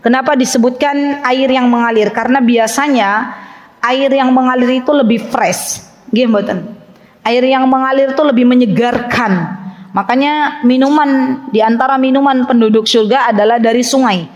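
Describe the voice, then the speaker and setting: Woman religious teacher, slightly high voice, lively and playful with women listeners. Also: moderate pace, lo-fi sound. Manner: lively, playful, acts out little scenes. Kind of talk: religious study talk to women. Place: study gathering with women.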